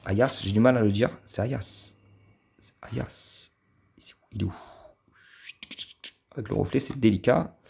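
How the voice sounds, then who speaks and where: A man's voice: fairly low pitch, gravelly, a little mellow. A man from southern France with a southern French accent, casually reviewing his die-cast model cars, hesitant with many fillers and restarts, fond and admiring.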